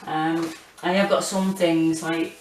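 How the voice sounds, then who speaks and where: A British woman in her forties chatting casually and hesitantly as she gives a rambling home gardening tour, with a monotone, self-deprecating manner. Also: low voice, takes it slowly, a little hiss or hum, low-quality recording. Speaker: gardening vlogger. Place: small home kitchen and windowsill, indoors.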